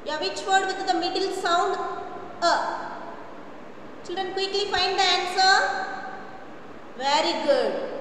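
A middle-aged woman teaching young children, drilling phrases deliberately in a repetitive, sing-song classroom manner. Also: very high voice, fairly bright tone. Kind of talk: slow classroom phonics lesson with repetition. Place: classroom in front of a chalkboard, indoors. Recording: echoey room, distant mic, faint noise.

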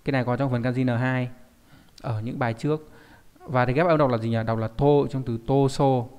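A man's voice: medium pitch, steady tone, a little fast, a little mellow, clear, resonant tone, in a large hall. A man teaching a recorded online kanji lesson, explaining step by step and often asking rhetorical check-in questions. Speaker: Japanese teacher.

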